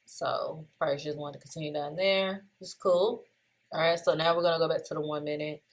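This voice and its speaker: A young woman talking casually as she walks through her own trades on a screen recording, relaxed and chatty. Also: deep voice, normal speed. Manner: relaxed, chatty, laughs at herself. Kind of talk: casual screen-share trading recap.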